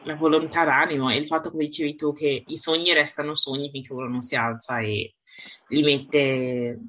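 An interviewer talks casually at a middling pitch. The delivery is hesitant, with phrases restated along the way. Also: steady tone, moderate pace, pushed and bright, a little hiss or hum.

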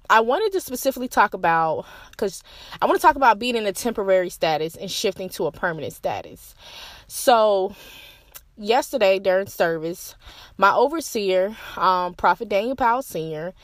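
A woman's voice: mid-range voice, lively intonation, normal speed, no echo. A young adult woman hosting a motivational podcast, talking casually and a little out of breath after a morning walk. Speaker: podcast host and life coach.

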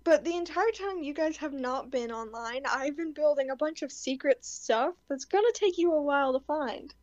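A woman's voice: sits high, moderate pace, a little mellow, dry recording, muffled recording. A young woman guest on a casual podcast chat, talking in a teasing, playful way.

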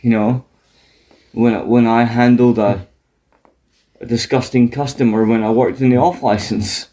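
A man's voice: medium pitch, fairly even intonation, measured pace, dark tone. A man with a broad Scottish accent chatting casually and telling stories in a coarse, sweary, colloquial way. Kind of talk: casual chat, animated storytelling.

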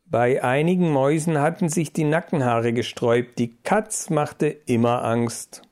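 Guy reading a kids story aloud, even and steady. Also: mid-range voice, a little slow. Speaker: audiobook narrator. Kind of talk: scripted storybook narration.

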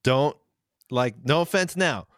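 A man's voice: medium pitch, slow, fairly bright tone, no echo, studio quality. A young man co-hosting a podcast, telling a long story in casual chat, rambling and laughing as he goes. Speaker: podcast co-host, band member.

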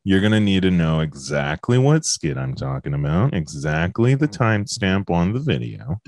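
A young man trading deadpan, sarcastic quips in casual banter. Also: low voice, normal speed, no room sound, clean studio sound.

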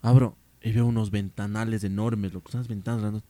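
A man's voice: fairly low pitch, fairly quick, no echo. A young man telling a rambling story in a casual podcast chat, full of slang. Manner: rambling, slangy, animated storyteller who keeps saying "loco" and "mija". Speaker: podcast co-host.

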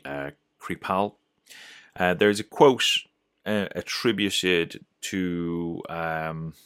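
A man's voice: low-pitched, a bit bright, clean tone, dry recording, studio quality. A man giving a casual, loosely structured lecture on folklore, often restarting his sentences. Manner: loose and digressive, with frequent restarts and fillers.

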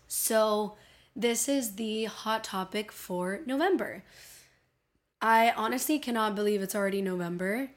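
A woman's voice: mid-range voice, unhurried. A woman with a Miami accent hosting a casual solo podcast, talking in an informal, playful and self-deprecating way. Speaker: podcast host.

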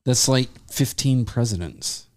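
A man's voice: mid-range voice, measured pace. A man co-hosting a talk show, needling the others with sarcastic remarks. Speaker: co-host. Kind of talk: casual talk show banter.

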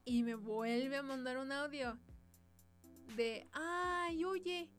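A woman's voice: a little high, fairly even intonation, takes it slowly, faint music behind. A young woman with a Mexican accent, telling an exasperated, slangy story as a podcast host. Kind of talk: casual storytelling monologue.

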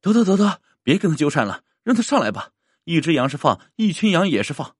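A man's voice: fairly high pitch, very animated, quick pace, slightly rough, no room sound, clean studio sound, voice pushed up. A man doing an urgent woman doctor. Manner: pleading, urgent. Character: urgent woman emergency doctor, normally quiet.

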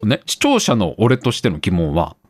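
A man's voice: fairly low pitch, huge pitch swings, normal speed, no echo. A man in his thirties animatedly retelling a film on a casual radio talk show, acting out lines and laughing often. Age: 30s. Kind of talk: casual chat retelling a film with acted quotes.

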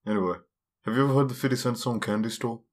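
A young man co-hosting a casual comedic chat, teasing and deadpan. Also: mid-range voice, rapid-fire. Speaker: podcast co-host.

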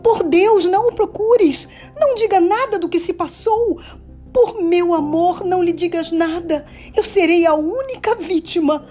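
A woman's voice: lively intonation, slow pace, darkish tone, faint music behind, heavily acted. A woman voicing a tearful, terrified young woman. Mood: terrified pleading. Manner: cries out in high anguished pleas.

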